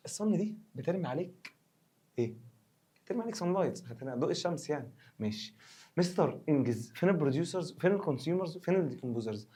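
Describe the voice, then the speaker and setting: A man speaking with an Egyptian Arabic accent, giving a recorded science revision lesson in a playful, joking way. He quizzes the viewer with quick questions and slows down when he reads English text. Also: on the high side, lively intonation, dark tone, slightly rough. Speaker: science teacher.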